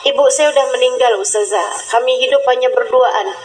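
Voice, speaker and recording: A woman's voice: high voice, brisk, lightly acted. A woman preacher voicing a grieving young woman who pleads and thanks her, in an emotional sermon story. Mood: pleading. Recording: echoey with faint music.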